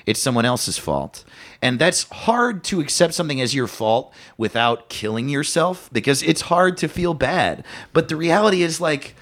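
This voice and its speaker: A man co-hosting a podcast in casual chat, swearing often and thinking out loud with restarts. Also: fairly high pitch, moderate pace, hardly any pauses. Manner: animated, swears a lot, thinks aloud with restarts. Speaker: podcast co-host.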